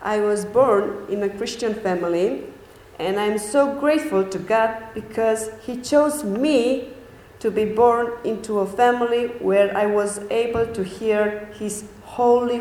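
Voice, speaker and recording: A young woman tells her faith story in English, earnest and careful, pausing on fillers. Her voice sits a little high and moves slowly. The sound rings with echo and a long hall reverb. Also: a little mellow. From Romania. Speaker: speaker giving a testimony. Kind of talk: personal faith testimony.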